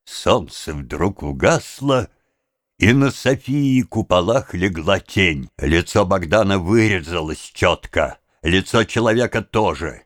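Male audiobook narrator, lively pitch, slow pace, dry close sound. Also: no room sound. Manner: expressive, unhurried reading. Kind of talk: scripted narration of a novel.

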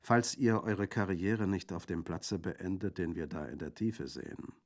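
A man's voice: low-pitched, a little slow. A man voicing an earnest, courteous young lieutenant in a radio reading.

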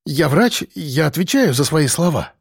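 A man's voice: on the high side, sing-song, gravelly, slightly rough, dry recording, studio quality, exaggerated voice. A man voicing a frightened male doctor who stammers and talks in a hurry. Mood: urgent. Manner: stammering, hurried.

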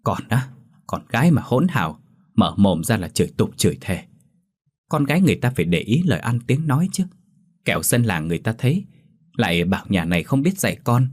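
A man voicing a gentle, nagging middle-aged mother who pleads with her daughter, in a spoken horror story. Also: on the low side, animated, a little fast, husky.

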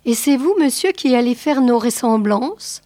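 A woman's voice: medium pitch, very animated, takes it slowly, no room sound. A woman voicing a vain, pompous retired merchant, an older man who exclaims and boasts. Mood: boastful.

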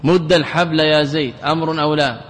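A man's voice: fairly high pitch, steady tone, brisk. A man, a sheikh teaching Arabic grammar, lecturing in class, repeating examples aloud and quizzing his students. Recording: reverberant hall recording, faint noise.

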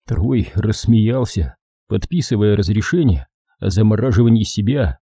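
A man reading an audiobook as narrator, in a steady, measured voice. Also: fairly low pitch, husky, no echo, clean studio sound. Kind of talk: scripted narration.

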